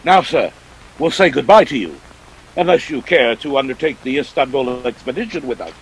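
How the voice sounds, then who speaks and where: An actor playing a jovial, pompous, scheming older crime boss with florid, courtly speech in a detective radio play. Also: male voice, mid-range voice, lively intonation, normal speed, gravelly, slightly rough, rough recording. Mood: jovial, composed.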